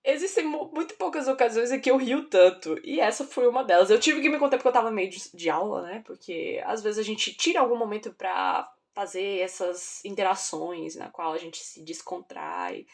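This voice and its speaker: A young Brazilian woman who teaches children, telling stories in a casual, lively, self-mocking way with a Brazilian accent. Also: mid-range voice, normal speed, creaky, few pauses. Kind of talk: casual storytelling vlog.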